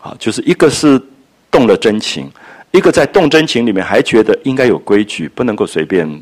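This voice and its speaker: A man lecturing on a classic novel, musing and reflective, with frequent soft asides. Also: fairly low pitch, lively intonation, fairly quick. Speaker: literature lecturer.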